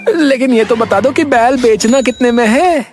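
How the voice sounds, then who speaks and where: A woman voicing a bumbling, foolish middle-aged village husband in a cartoon, whiny and slow on the uptake. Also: fairly high pitch, close to an everyday voice. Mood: boastful. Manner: whiny, dim-witted, drawn-out questions. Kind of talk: cartoon voice acting. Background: background music.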